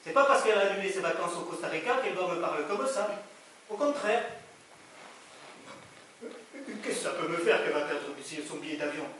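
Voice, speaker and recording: A man's voice: high-pitched, animated, fast, a bit bright. Man acting indignant stammering grieving son, southern French accent, distant stage mic, noisy hall. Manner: stammers and flares up in indignant bursts. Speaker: stage actor. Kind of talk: live stage play. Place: theatre stage. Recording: echoey theatre, distant mic, audience noise.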